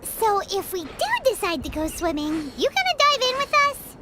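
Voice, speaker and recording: A woman voicing a tiny, excitable floating fairy companion who talks about herself in the third person, in video game voice acting. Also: moderate pace, heavy background noise. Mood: teasing. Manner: high squeaky chatter, third-person self-reference. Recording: game audio with music underneath.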